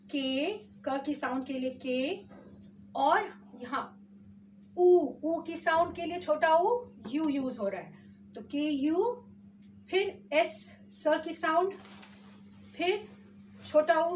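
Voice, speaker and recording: A woman teacher with an Indian accent, slowly sounding out words for children in a spelling lesson. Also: high-pitched, far from the mic, a little hiss or hum. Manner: slow, drawn-out sounding of words.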